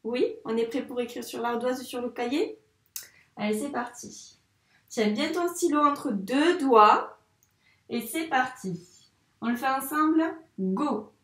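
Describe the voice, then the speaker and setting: A primary school teacher with a fairly high, fairly bright and expressive voice walks young children through handwriting, speaking slowly and encouragingly to the child. She's a little distant from the mic, and her voice echoes around the room.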